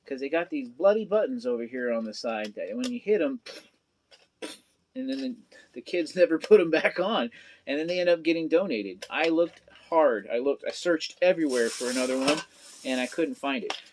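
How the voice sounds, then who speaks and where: A man's voice: medium pitch, lively intonation, normal speed, a little hiss or hum. A man chatting casually as a toy collecting vlogger, rambling and joking with lots of fillers, in a cold outbuilding away from his house. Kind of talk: casual chat.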